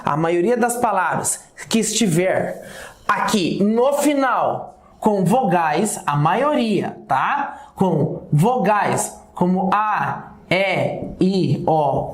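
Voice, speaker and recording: Slow-talking Brazilian woman teacher, echoey room. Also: mid-range voice. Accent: Brazilian Portuguese. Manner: addresses students informally, checks understanding with repeated "tá?" and "ok?". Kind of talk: recorded class lesson. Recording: echoey classroom sound.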